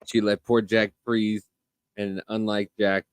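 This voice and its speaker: A man co-hosting a podcast in casual chat, telling stories in a lively, excitable way. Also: on the low side, takes it slowly, clear, resonant tone, no echo. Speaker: podcast co-host.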